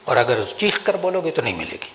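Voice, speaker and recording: An older man giving a sermon to an audience, animated and emphatic, slowing down for prayers. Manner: animated, rises in pitch for emphasis, slows for Quranic prayers. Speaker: religious scholar giving a talk. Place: large hall with an audience. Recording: long hall reverb, faint background noise.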